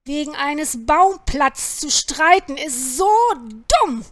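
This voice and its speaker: Storybook farmer, grumpy and scolding, read by a woman, raised and loud, dry close sound. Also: high-pitched, a little slow, dry recording. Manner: scolding, grumbling.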